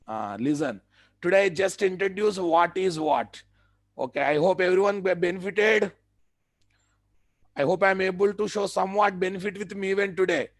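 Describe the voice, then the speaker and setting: Indian guy teaching a tech class, kinda high voice, repeats himself n asks then answers his own questions, dry close sound. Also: no echo. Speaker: software training instructor. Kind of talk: live technical lesson.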